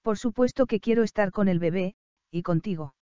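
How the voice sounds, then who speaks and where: A woman voicing a tender, anxious young male prince, dropping her voice low and speaking in a hushed, earnest way. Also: fairly quick, smooth, no echo, dull audio, lightly acted. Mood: pleading.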